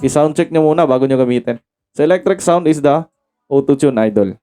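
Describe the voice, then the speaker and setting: A man's voice: a little high, a little fast, mellow, clean tone, no echo. A man from the Philippines giving a casual product demo, chatting to viewers as "idol" and breaking into mic checks. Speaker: sound card reviewer and MC. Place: home facing a market.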